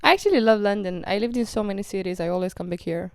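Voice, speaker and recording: A woman's voice: mid-range voice, lively intonation, very fast, smooth, dry recording, studio quality. A young woman from Romania, co-hosting a casual podcast chat, her voice still sick from a cold and full of fillers and laughs. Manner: chatty, filler-heavy, laughing often. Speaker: podcast co-host.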